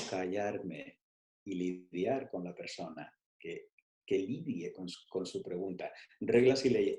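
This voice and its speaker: A man teaches a coaching workshop in a warm, mellow voice. He talks emphatically, repeats his key lines and throws in rhetorical questions. The sound is echoey, as if from a bare room. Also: fairly low pitch. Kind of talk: online workshop talk.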